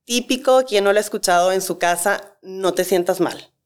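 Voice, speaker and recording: A woman, a guest expert calmly explaining grief with examples in a talk-show conversation. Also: medium pitch, moderate pace, clean tone.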